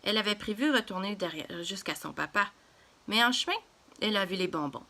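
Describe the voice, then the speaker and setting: A woman reads a children's story aloud, gentle and expressive. Her voice is mid-range and she goes a little fast.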